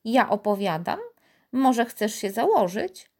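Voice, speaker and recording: Brief: woman reading cocky little girl with magic, high-pitched, playful, swooping tone. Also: slow pace, exaggerated voice. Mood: boastful. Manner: lively, bragging, teasing.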